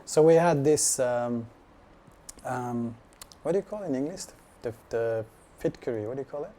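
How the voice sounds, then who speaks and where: A man shares his daily practice as a casual testimony. His voice is mellow and warm, sits at an ordinary middle pitch, and keeps stopping for 'you know' and small restarts. A faint hum of noise runs behind him. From Nepal. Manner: relaxed and halting, full of 'you know' fillers. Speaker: devotee sharing his practice at a gathering.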